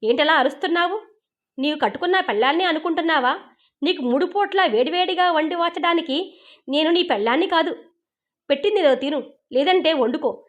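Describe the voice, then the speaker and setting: A woman voicing a lazy, sharp-tongued young working woman who answers with curt, dismissive retorts. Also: high-pitched, fairly quick, close to an everyday voice. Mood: scornful.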